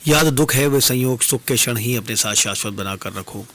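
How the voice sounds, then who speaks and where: A man's voice: medium pitch, a bit bright, slight background noise, lightly acted. A man as a serene, philosophical wandering stranger. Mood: consoling. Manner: measured, philosophical, consoling. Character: calm, detached wandering male stranger, philosophical. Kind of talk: dastangoi storytelling performance. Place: radio studio.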